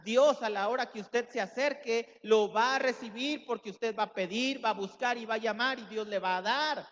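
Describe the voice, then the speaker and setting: A man's voice: very high voice, normal speed, a bit bright, slight background noise. A man giving a sermon as pastor, preaching with emphatic rises and acting out quoted voices. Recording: dull sound with long hall reverb.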